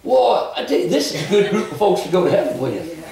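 A man preaching an animated sermon as a visiting preacher, shouting and chuckling as he goes. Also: sits high, brisk, a crowd in the background. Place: church. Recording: echoey church recorded from far off.

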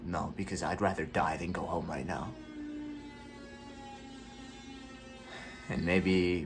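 A young man playing a gloomy, stressed struggling actor in a naturalistic, hesitant dramatic monologue. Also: low-pitched. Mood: gloomy, resigned. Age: young adult. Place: small room indoors at home.

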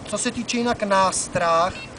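A Czech man in his thirties, an angler and fishing vlogger, chats casually to the camera about fishing from a wooden dock beside a wide river. His voice sits high and he fills gaps with plenty of "eh." A camera mic a few meters away picks him up at a distance, along with outdoor noise.

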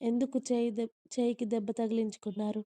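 A woman voicing a sleepy, playful and sulky young wife, speaking in a soft pleading way. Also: a little high, steady tone, fast, no echo, natural voice.

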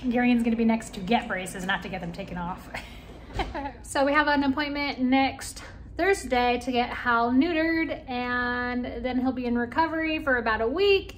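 Woman vlogging casually, high voice, bit of a lisp from her retainer, faint noise behind. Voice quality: slight lisp from wearing a retainer. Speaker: family vlogger. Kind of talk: casual vlog chat. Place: parked car, rooms at home. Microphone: phone at arm's length.

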